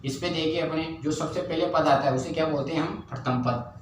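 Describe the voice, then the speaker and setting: A man's voice: fairly high pitch, steady tone, fairly quick. A man teaching a math lesson, repeating steps and asking and answering his own questions. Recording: very echoey room, faint ambient noise.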